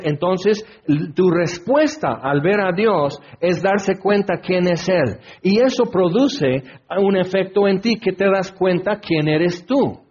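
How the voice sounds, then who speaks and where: A man's voice: sits high, darkish tone, husky. A man preaching a sermon, reading scripture aloud and asking the listeners rhetorical questions. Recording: dull lo-fi recording.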